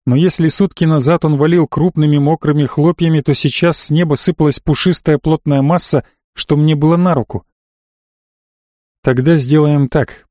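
A man narrating a first-person audiobook with steady, measured reading. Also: fairly high pitch, dry recording, studio quality.

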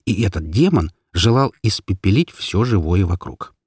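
A man narrating an audiobook story in an expressive, dramatic way. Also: low voice, moderate pace, breathy edge, dry recording, clean studio sound.

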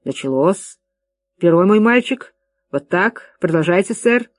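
A reader voicing a gruff, commanding middle-aged father who gives orders. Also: medium pitch, animated, a little slow, dry recording. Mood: bossy. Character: stubborn excitable father, middle-aged man.

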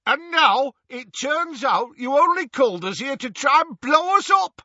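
A man voicing a brutal, sneering dark wizard in an audiobook, with a rough, menacing, mocking delivery. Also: a little high, animated, normal speed, no room sound, dull audio, voice pushed up, exaggerated voice. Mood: roaring.

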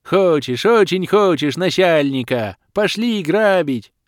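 A man's voice: medium pitch, moderate pace, no room sound, studio quality, lightly acted. A man voicing an eager, goofy male half-orc thief who speaks in broken, childlike phrases. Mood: gleeful.

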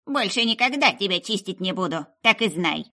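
A woman's voice: medium pitch, expressive, moderate pace, sharp tone, pitched above the performer's own voice. A woman reader voicing a fussy, bossy old witch in an audiobook, with a scolding, folksy grumble. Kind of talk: audiobook character voice.

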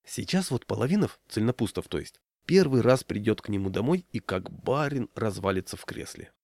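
Low-voiced man reading an audiobook, ironic, dry close sound. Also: expressive, brisk, darkish tone, dry recording. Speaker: narrator. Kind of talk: audiobook storytelling.

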